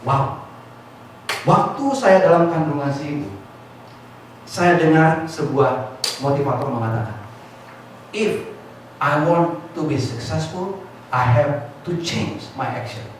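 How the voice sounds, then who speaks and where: A man voicing a crying infant boy who schemes to get milk, switching between high wailing cries and cheeky inner talk. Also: takes it slowly, pauses often. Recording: echoey hall, far mic, noisy.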